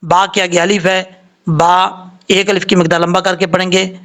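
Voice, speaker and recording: A high-voiced man teaches Quran recitation step by step. He names each letter and its vowel mark, then drawls out the recited word with care. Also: flat delivery, unhurried, a bit bright. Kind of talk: slow step-by-step tajweed lesson.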